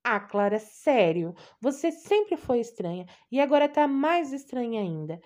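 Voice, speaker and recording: Woman doing a fussy older aunt, bossy, doting, high gushing voice, storybook reading. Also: big pitch swings, measured pace, darkish tone. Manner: high, gushing, scolding endearments.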